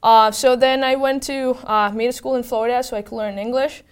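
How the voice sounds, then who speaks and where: Her voice is on the high side, smooth and steady in tone, and fairly quick. A native Spanish speaker with a Venezuelan accent, she's a tech program manager answering interview questions as a guest in an enthusiastic, informal manner.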